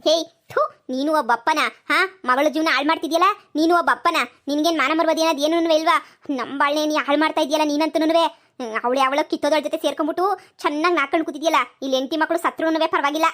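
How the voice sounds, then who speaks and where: A woman's voice: high voice, fairly even intonation, fast talker, fairly bright tone. A woman voicing a bitter young daughter who scolds her family in a cartoon comedy. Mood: reproachful. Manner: reproachful, scolding.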